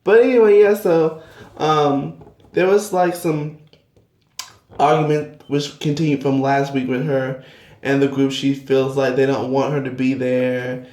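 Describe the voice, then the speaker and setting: A man's voice: mid-range voice, steady tone, unhurried, a little mellow. A man from Georgia chatting casually about reality TV as a vlogger, rambling with many fillers. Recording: echoey room.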